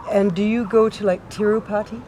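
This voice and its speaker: A woman's voice: mid-range voice, little pitch movement, a little fast, warm tone, slight background noise, poor audio. A woman interviewing a yogi in a casual conversation, asking curious questions and nodding along with short replies. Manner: curious, with frequent short acknowledgments.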